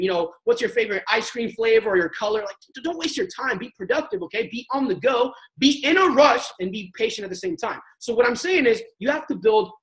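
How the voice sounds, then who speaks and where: An extremely high-pitched, fairly bright voice belongs to this young network marketing panelist, heard on a rough recording. He gives a motivational sales training talk in a casual, slangy way, coaching emphatically and acting out sample conversations.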